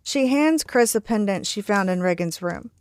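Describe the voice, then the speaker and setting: A woman's voice: medium pitch, lively intonation, moderate pace, a little mellow, clean tone, dry recording. A woman hosting a podcast, retelling a horror film scene by scene in a scripted, conversational way with bursts of enthusiasm. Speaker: podcast host.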